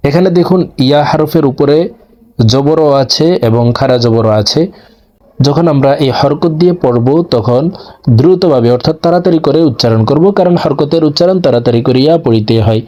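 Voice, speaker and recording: A man teaching Quran letter pronunciation, drawing out each syllable in drills between quick explanations to viewers. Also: medium pitch, warm tone, dull audio. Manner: addresses viewers directly. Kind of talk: recitation lesson.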